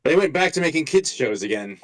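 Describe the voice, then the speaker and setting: A woman's voice: sits low, big pitch swings, fairly quick, a little hiss or hum, rough recording. A woman voicing a weary, reluctant young male lawyer in an amateur video game dub, dry and resigned.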